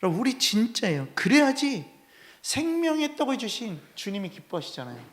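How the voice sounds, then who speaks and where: High-voiced male pastor preaching animatedly. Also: brisk. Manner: animated, constantly addressing the congregation with rhetorical questions. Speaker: head pastor. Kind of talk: Sunday sermon. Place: church sanctuary.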